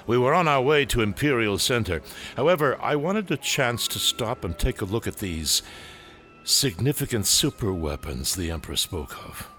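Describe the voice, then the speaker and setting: A man's voice: medium pitch, lively intonation, moderate pace, pushed and bright, faint music behind. A man playing a cold, imperious imperial lord in a sci-fi audio drama, formal and condescending in a menacingly polite way. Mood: cold, pressing. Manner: formal, condescending, coolly sardonic.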